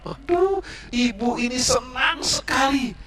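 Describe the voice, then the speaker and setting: A man teaching Sunday school, telling a Bible story to children with animated, dramatic swings, in an echoey church hall away from the mic. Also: very high voice, unhurried, distant mic, over loud music.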